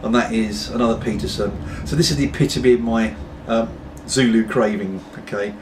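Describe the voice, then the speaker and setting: A man's voice: on the low side, fairly even intonation, brisk. A middle-aged British man rambling casually to camera with apologetic asides, talking while puffing on a pipe at home. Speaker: pipe-smoking video blogger. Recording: distant mic, clearly noisy background.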